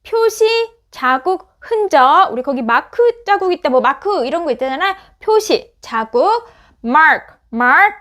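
Woman, beginner phonics lesson, repeats each word thrice, very slow pace, high pitch. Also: big pitch swings, fairly bright tone. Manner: repeats each English word three times, then gives its meaning. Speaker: English phonics teacher.

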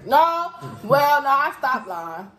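A young woman vlogging a casual eating video, giving slow, offhand, murmured answers. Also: high-pitched, very animated, fairly bright tone. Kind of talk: casual mukbang chat. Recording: roomy room with chatter behind.

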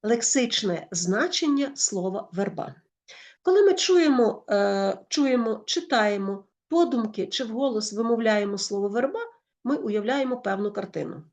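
Ukrainian woman, schoolteacher, lively explanatory delivery with frequent self-corrections. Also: mid-range voice, normal speed. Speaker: teacher.

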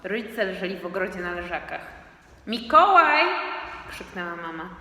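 A woman narrating a storybook in a steady, even way. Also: lowish voice, fast. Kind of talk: storybook reading. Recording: echoey room, long reverb, faint noise.

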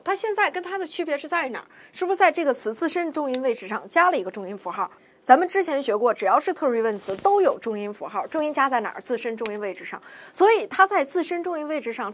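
A woman's voice: high voice, a bit bright. A woman giving a classroom lecture as a language teacher, asking rhetorical questions and checking understanding often. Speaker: Spanish teacher.

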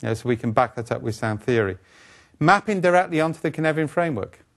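An older man gives a keynote lecture on a conference stage, speaking into a lapel mic. He talks in a brisk, wry and blunt way, scattering asides and rhetorical questions through his points. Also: mid-range voice, lively intonation.

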